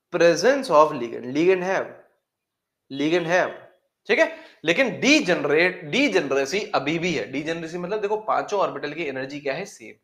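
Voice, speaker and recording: A male chemistry teacher with a slightly high, very animated voice that swoops up and down as he lectures. He keeps repeating key phrases and answering his own questions, and calls his students "beta". The sound is echoey, as if from a bare classroom. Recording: echoey room.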